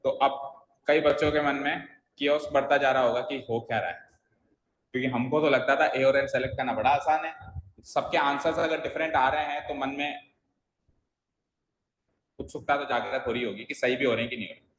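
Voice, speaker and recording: A man's voice: medium pitch, fairly even intonation, fairly quick, pauses often, slight background noise. A man teaching an English grammar class, quizzing students by name and coaxing them to listen closely. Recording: echoey roomy sound.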